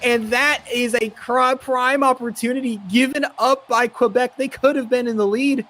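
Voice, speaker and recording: A man's voice: extremely high pitch, steady tone, moderate pace, sharp tone. A man giving color commentary on a live game, chatty and analytical, often using fillers.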